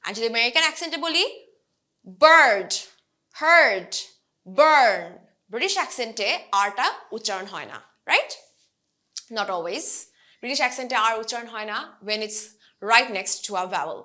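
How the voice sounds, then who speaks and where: A woman with a Bangladeshi accent teaching English pronunciation, repeating each vowel and example word slowly several times. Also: a little high, expressive, bright, forceful tone. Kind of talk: pronunciation lesson, drilling vowel sounds.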